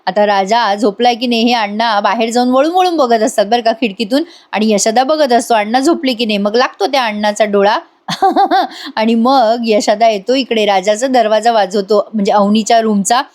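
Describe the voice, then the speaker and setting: A chatty woman narrating a soap episode as a casual voice-over, talking straight to her viewers. Her voice sits a bit high. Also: normal speed, darkish tone. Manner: chatty, giggly, addresses viewers. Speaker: serial episode reviewer. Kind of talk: casual voice-over story retelling.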